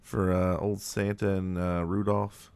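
A man's voice: low voice, flat delivery, measured pace, a little mellow, clean tone, no room sound. Joking, rambling man on a podcast. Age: adult father of young kids. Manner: jokey, rambling storyteller. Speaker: podcast co-host. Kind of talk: casual chat.

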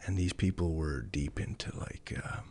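A man's voice: very deep voice, expressive, moderate pace, darkish tone, whispered. A man with a hillbilly drawl, telling stories and testimony in a folksy cowboy-preacher way as a podcast guest. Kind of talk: testimony storytelling in conversation.

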